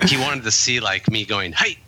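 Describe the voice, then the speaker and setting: An author from an English-speaking country, appearing as a guest in a conversational interview, talks about his working life in a reflective, rambling way, full of fillers and restarts. His voice sits on the low side, with a pushed, bright tone at a normal speed. The recording is dry.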